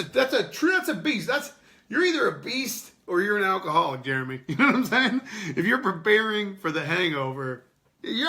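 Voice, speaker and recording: Bright-voiced rambling podcast host, a man. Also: sits high, gravelly. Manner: loose, rambling and profane, laughing often. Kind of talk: unscripted casual chat with live chat readers.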